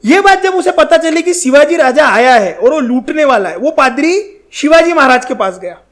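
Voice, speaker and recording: A man giving a history lecture in a colloquial storytelling style, animated and speaking straight to his listeners with slangy asides. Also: extremely high pitch, moderate pace. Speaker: history educator.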